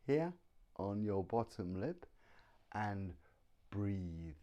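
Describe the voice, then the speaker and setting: A middle-aged man with a British accent teaching pronunciation, slowly repeating words and sounds. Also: fairly low pitch, big pitch swings, mellow. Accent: British English. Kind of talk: slow pronunciation lesson.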